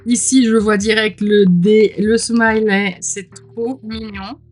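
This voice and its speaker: Her medium-pitched voice is slow and a little mellow, with fairly even intonation, as she hosts a tarot unboxing over music. Mildly ill, she clears her throat between gushing, informal, exclamation-filled remarks.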